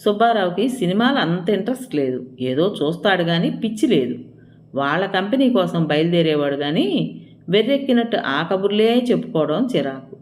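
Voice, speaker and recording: A narrator reading a domestic drama as an audio story at a steady storytelling pace. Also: medium pitch, moderate pace, slight background noise.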